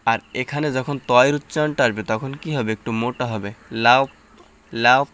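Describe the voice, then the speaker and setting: A man's voice: medium pitch, fast, a bit bright. A man teaching Quran reading. He spells out the letters and vowel marks one by one, then chants the joined syllables. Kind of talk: slow letter-by-letter recitation drill.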